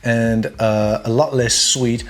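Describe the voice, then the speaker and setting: A man's voice: medium pitch, fairly even intonation, slow pace. A man hosts a casual fragrance review in an ordinary mid-range voice. He talks in a chatty, wry way with self-deprecating asides.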